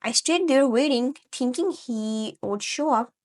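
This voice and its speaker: A woman's voice: a little high, a little slow. A woman voicing a remorseful young man who stammers as he pleads with his girlfriend in a fan-fiction audio story. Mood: pleading. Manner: stammering, earnest, breaking voice.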